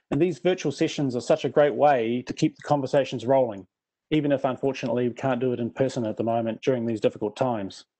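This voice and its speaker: New Zealand man with a mellow voice. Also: mid-range voice. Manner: dry self-deprecating humour. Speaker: presenter. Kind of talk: prepared presentation talk.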